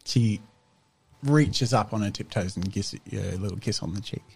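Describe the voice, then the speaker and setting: Husky-voiced man running a tabletop game. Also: lowish voice, normal speed, a little mellow. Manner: casual, hesitant, full of "like" and "sort of". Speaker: game master.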